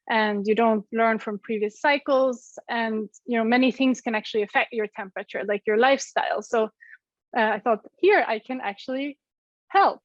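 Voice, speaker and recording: The guest, an app co-founder from Sweden, talks over a call in a slightly high voice with a Swedish accent. Her answers are reflective and dotted with "um" and "like." The dull audio carries no room sound.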